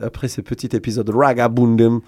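A man's voice: mid-range voice, flat delivery, fast, warm tone, breathy edge. A man hosting a comedic radio talk show, joking around and reading the news aloud with wry asides.

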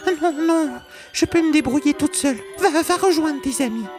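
Woman doing a scared little ostrich girl, very high voice, faint music. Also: moderate pace, a little mellow, close to an everyday voice. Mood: fearful. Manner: frightened, pleading. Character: young timid female ostrich.

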